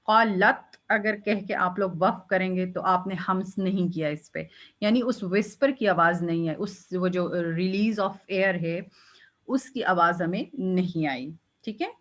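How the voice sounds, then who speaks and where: A woman teaching Quranic recitation rules, explaining patiently and demonstrating each letter with a drawn-out, breathy release. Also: mid-range voice, a bit bright, highs cut off. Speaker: tajweed teacher. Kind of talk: step-by-step recitation lesson.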